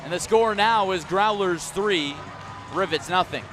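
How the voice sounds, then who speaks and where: Heard over music on poor audio, a man with a high voice speaks unhurriedly. He does live radio play-by-play of a baseball game at an outdoor ballpark, shifting between clipped calls and conversational asides.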